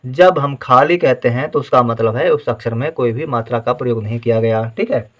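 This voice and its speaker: A man's voice: mid-range voice, fairly quick. A man teaching Hindi writing in a patient, step-by-step spelling lesson, sounding out each syllable and checking in with "theek hai" as he goes.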